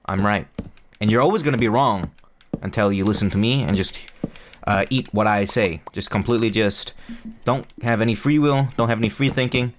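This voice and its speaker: Amid background noise, a lowish male voice talks a little fast. This is a young gaming YouTuber, not a native English speaker, giving casual gameplay commentary that meanders, mocks himself, and is full of fillers and restarts.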